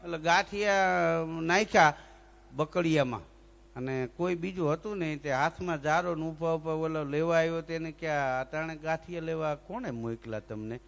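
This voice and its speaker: A male folk comedian spins comic village tales and slips into lisping character voices. His voice sits high and has a gravelly edge. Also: normal speed. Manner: lively joke-telling with sung bits and acted lisping voices. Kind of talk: dayro comic storytelling.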